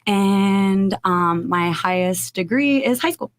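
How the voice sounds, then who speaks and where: A woman's voice: medium pitch, expressive, takes it slowly. Playful woman in her twenties from Philadelphia. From South Philadelphia. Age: 20s. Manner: playful, laughing between answers. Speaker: guest. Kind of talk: casual podcast introduction.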